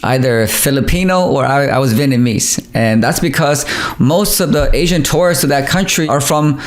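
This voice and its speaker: A man with a middling pitch hosts a podcast. He speaks conversationally, affirming his guest and reflecting on the points raised, with a few repeated words along the way. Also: moderate pace. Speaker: podcast host. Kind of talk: conversational interview.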